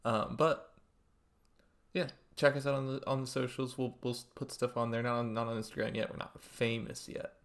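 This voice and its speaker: A man's voice: mid-range voice, level tone, moderate pace, gravelly. A man co-hosting a podcast in casual chat, teasing his friend and laughing often. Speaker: podcast co-host.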